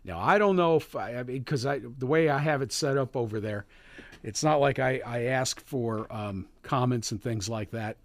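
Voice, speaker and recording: A man hosting a live morning radio show, chatting in a halting, folksy way from the studio and calling listeners neighbor. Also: mid-range voice, dry recording. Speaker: radio host. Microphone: studio mic.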